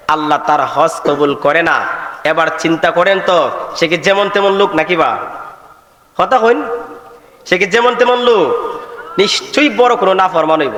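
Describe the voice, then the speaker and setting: A man's voice: high-pitched, a bit bright. A man with a Sylheti accent preaching a Bengali waz sermon into a microphone, with melodic chanting calls to the crowd. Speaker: Islamic preacher. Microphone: microphone at a public gathering. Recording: echoey hall with long reverb.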